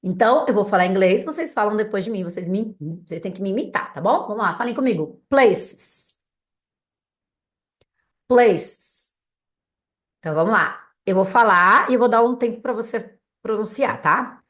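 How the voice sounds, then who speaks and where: A Brazilian woman teaching an online English class in Portuguese, drilling vocabulary slowly and checking in with her students often. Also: mid-range voice, animated, fairly bright tone. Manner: drills words slowly and clearly, with frequent "tá?" checks. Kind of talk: recorded online lesson, casual and direct.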